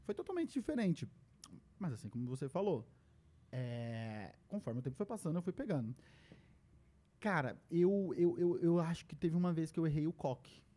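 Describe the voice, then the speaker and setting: A man's voice: on the high side, moderate pace. A young adult man with a Brazilian Portuguese accent, a podcast guest telling stories in casual conversation and acting out the lines he quotes. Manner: animated storyteller who acts out quoted lines.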